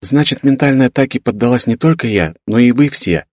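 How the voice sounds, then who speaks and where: A man voicing a thoughtful, earnest young woman adventurer in an audiobook, speaking softly and a bit hesitantly. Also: medium pitch, lively intonation, a little fast, dry recording, studio quality, pitched above the performer's own voice, lightly acted. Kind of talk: audiobook character voice.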